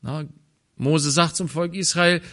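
A German preacher delivers a thoughtful sermon, pausing and starting over at times, and now and then slipping into quiet, low asides.

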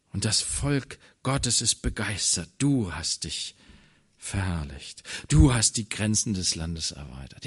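A man preaching a sermon, animated, swinging from soft asides to loud emphatic lines and talking straight to his listeners. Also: on the low side, slightly rough. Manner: addresses listeners directly with "wisst ihr".

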